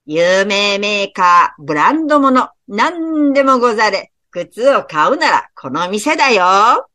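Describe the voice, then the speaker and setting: A woman's voice: medium pitch, very animated, measured pace, bright, forceful tone, dry recording. Woman playing a brash street shoe hawker. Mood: hawking. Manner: brash hawking calls. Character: loud male street shoe seller.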